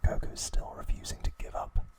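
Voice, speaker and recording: Deliberately pausing between short phrases, a man gives an episode recap in a breathy, unvoiced ASMR whisper.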